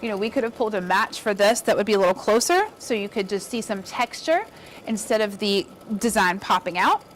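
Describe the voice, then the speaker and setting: A woman's voice: medium pitch, expressive, a little fast, slight background noise. A woman giving an upbeat, chatty embroidery demonstration, encouraging viewers as she works. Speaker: embroidery instructor. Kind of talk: casual demonstration.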